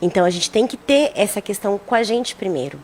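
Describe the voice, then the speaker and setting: A woman's voice: mid-range voice, animated, fast talker, darkish tone, slight background noise. A middle-aged woman speaking on a radio talk show, reflective and earnest, often tagging her sentences with a question. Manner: earnest, reflective storytelling with frequent tag questions. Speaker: radio show participant on parenting.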